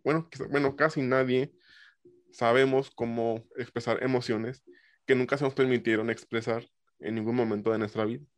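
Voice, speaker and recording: A man's voice: mid-range voice, fairly even intonation, moderate pace, dry recording. Guy talking thoughtfully about emotions, hedges a lot, dry sound. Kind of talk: casual conversation on emotions.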